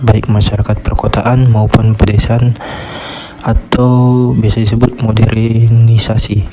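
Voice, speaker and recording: A young man presents a class report, reading steadily from his script in a low voice. He keeps an even, monotone delivery. A loud hiss runs under the whole recording. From Indonesia. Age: young adult. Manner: steady, reads from a script in a flat tone. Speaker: student.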